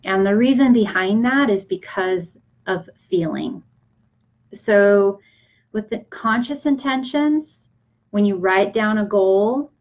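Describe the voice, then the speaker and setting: Slow-talking woman coach, muffled sound. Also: medium pitch. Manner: unhurried, many fillers and restarts. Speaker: energy coach. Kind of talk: casual teaching talk.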